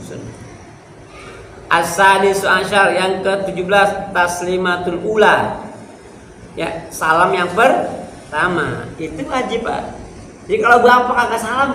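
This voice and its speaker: A male religious teacher, his fairly high voice echoing around a small prayer hall. He explains a text line by line and speaks straight to the men in the congregation. A faint hiss sits under the recording. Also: pushed and bright. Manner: explains a text line by line, acts out examples, talks to the congregation as "Pak". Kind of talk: religious study lesson. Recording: echoey room with faint background hiss.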